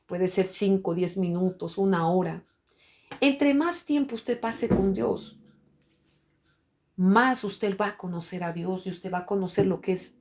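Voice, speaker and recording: A woman pastor preaches an earnest sermon. She speaks straight to the listener at a mid pitch for a woman. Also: darkish tone.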